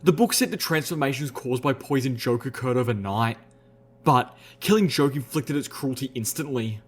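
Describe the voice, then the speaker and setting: A young adult man reading a story aloud as an audiobook narrator, steady and expressive. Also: medium pitch, normal speed, husky. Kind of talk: scripted narration.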